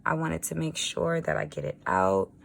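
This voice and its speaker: A woman with a raspy early-morning voice, chatting informally as a vlogger while she writes out a budget. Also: deep voice, animated, moderate pace, a little hiss or hum. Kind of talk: casual budgeting vlog narration.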